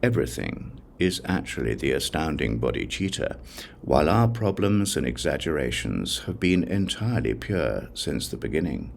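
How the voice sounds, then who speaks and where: This solemn narration of a sacred text comes from an audiobook reader whose voice is extremely low and gravelly. The pace is slow and deliberate, measured and scripted, his pitch moving in lively rises and falls, and a faint hiss or hum can be heard.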